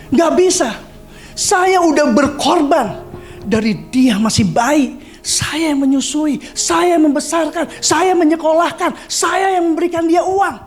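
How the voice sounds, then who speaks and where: A woman preacher acting out an older mother who is hurt and indignant about her child, protesting and rising into shouts. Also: very high-pitched.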